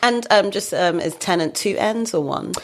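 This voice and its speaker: A woman's voice: medium pitch, lively intonation, moderate pace. A woman co-hosting a podcast, chatting casually with a guest. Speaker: podcast co-host. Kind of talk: casual chat.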